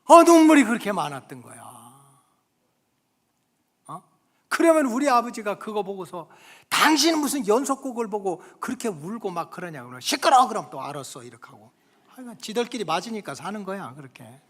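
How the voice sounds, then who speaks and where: A middle-aged man preaching a sermon in a church, telling stories in a chatty way and checking in with the congregation, his delivery swinging between loud exclamations and hushed whispers. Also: high voice, very animated, a little fast. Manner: colloquial storytelling, frequent "응?" to the congregation. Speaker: pastor. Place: church sanctuary. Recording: long hall reverb of a church sanctuary.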